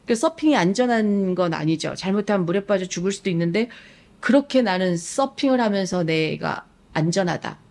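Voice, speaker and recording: A woman's voice: mid-range voice, expressive, a little fast, a little mellow. A woman who works as a psychological coach, telling a story on a live stream and acting out the lines people said in a TV scene. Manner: retells a TV scene vividly, acting out quoted lines; emotionally engaged, admits crying at the scene.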